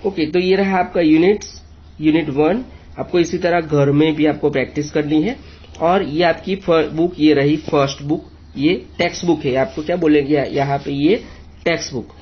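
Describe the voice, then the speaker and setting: A man's voice: fairly high pitch, fairly even intonation, normal speed, slightly rough, dull audio. A man teaching a children's English lesson, patiently spelling words letter by letter.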